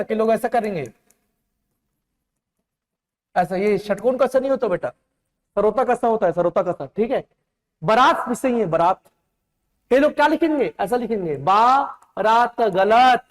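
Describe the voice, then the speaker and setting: A man teaches an exam-prep class, drilling correct and wrong spellings and stopping often to ask whether students follow. His voice sits very high for a man. The sound carries a long echo, like a large hall. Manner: drills spellings, calls students beta, repeats "clear hai?".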